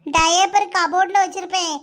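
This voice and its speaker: Woman doing a tired whiny young cartoon mom, kanyakumari accent, very high voice. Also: fairly even intonation, normal speed, a bit bright. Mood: grumbling. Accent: Kanyakumari Tamil. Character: tired young village mother, grumbling.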